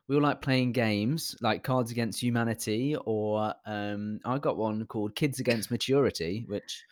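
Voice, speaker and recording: A man's voice: lowish voice, moderate pace. A British man co-hosting a podcast in casual, wry banter, often starting his sentences over. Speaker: podcast co-host. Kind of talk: casual chat.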